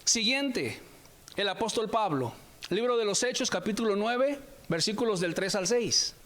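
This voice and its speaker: A man with a very high-pitched voice delivers a sermon. He preaches with emphasis, repeating phrases and stretching the important words out slowly for weight. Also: animated, fairly bright tone.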